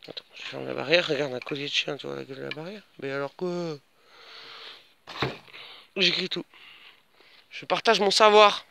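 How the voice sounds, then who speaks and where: A man's voice: fairly even intonation, normal speed, gravelly, pauses often, sharp tone, a little hiss or hum. A man giving a casual, rambling walk-and-talk vlog outdoors on his rural land, defiant and chatty with his viewers. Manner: coos at pets in a much higher voice.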